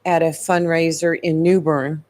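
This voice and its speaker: A radio co-host telling a story in casual chat, with quick, friendly replies. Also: medium pitch, flat delivery, a little mellow. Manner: chatty, quick back-channel replies. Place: radio studio.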